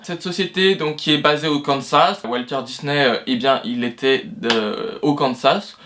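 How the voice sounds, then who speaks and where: A man with a fairly high voice walks the listener through history in a loose, chatty way, with plenty of filler words. He restarts sentences often and drops in self-mocking jokes. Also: a little slow, noisy background. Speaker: video host. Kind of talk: casual explainer narration.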